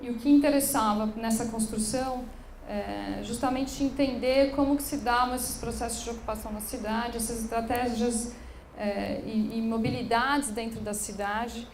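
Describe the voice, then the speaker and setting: A curator from São gives a public lecture in a room of an occupied building, speaking hesitantly with many restarts and fillers. Her voice is on the high side, fairly even in intonation, a little mellow, at normal speed, and the echoey room carries faint background noise.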